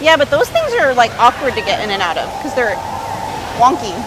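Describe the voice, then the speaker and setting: Animated high-voiced woman livestreaming outdoors. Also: brisk. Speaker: livestream vlogger. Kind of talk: casual banter and reading chat aloud. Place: outdoors in a busy theme park. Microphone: handheld phone or camera on gimbal. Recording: noisy outdoor crowd, wind or traffic noise.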